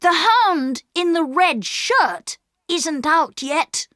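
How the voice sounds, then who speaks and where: A woman doing a high, eager young boy. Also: drawn-out words, no echo, studio quality, full character voice. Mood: urgent. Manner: high excited child voice. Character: brave young boy, eager leader of siblings. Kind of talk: storybook character reading.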